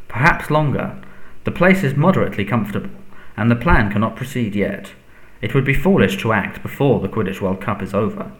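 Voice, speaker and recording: A man voicing a frail, menacing dark lord in a storybook, soft, breathy and hissing, commanding and contemptuous. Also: fairly low pitch, lively intonation, brisk, natural voice, poor audio. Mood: cold, commanding.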